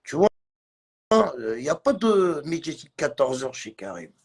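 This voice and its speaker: A man's voice: a little high, very animated, unhurried, breathy edge. A man on a live stream, ranting in a heated, repetitive way and mixing in words from other languages. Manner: agitated, repetitive, mixes French with Arabic and Kabyle. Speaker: livestreamer.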